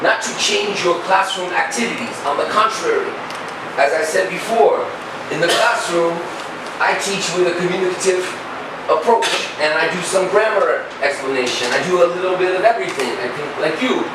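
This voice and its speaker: A man's voice: high voice, moderate pace. A man giving a conference talk as an English teacher to teachers and students, explaining things and checking in with short questions. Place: large indoor room at a summit. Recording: echoey, noisy room, distant mic.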